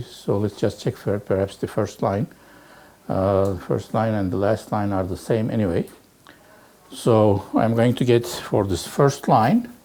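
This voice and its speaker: A man lecturing on physics, working through exercises aloud in a halting way and peppering his talk with "okay" and "right". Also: on the low side, gravelly, dark tone. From Turkey. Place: lecture hall.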